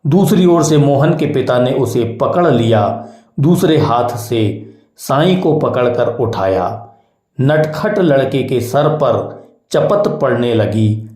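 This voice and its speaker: Slow, measured male storyteller. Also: medium pitch, animated, mellow. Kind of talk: storybook narration. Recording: echoey room.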